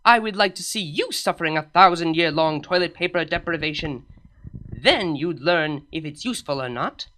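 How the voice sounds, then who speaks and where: A woman's voice: low voice, lively intonation, normal speed, fairly bright tone, faint music behind. A woman voicing a blunt, proud alicorn princess with a matter-of-fact, slightly pompous delivery. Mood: indignant.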